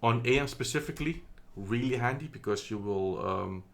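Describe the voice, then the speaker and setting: This is a mid-range male voice with vocal fry at a moderate pace: a Dutchman casually reviewing a product. He rambles chattily, hesitates, says um often, and keeps correcting himself, captured on a phone camera indoors.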